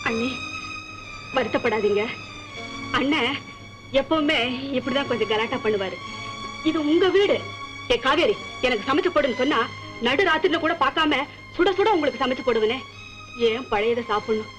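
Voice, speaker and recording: An actress playing a gentle young sister-in-law who speaks soothingly and kindly, in 1970s film acting. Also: female voice, high-pitched, normal speed, pauses often, over music, lightly acted, poor audio. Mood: consoling.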